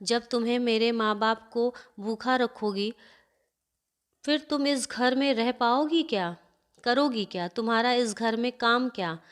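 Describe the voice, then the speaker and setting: A woman's voice: on the high side, unhurried, clear, resonant tone, natural voice. A woman voicing a young husband who harshly scolds his wife in a family story. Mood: angry. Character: angry shouting young husband.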